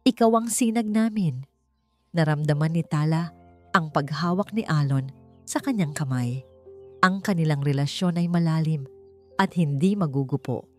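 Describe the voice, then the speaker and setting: A woman with a Filipino accent narrates a scripted, dramatic romance story over a music bed. Her voice is low and her pace normal.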